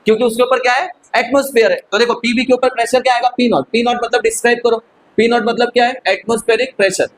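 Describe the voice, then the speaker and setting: A man's voice: extremely high pitch, flat delivery, fast talker, rough recording. A male physics teacher giving a classroom lecture, constantly asking the students questions and answering them himself, with English terms mixed into his explanation.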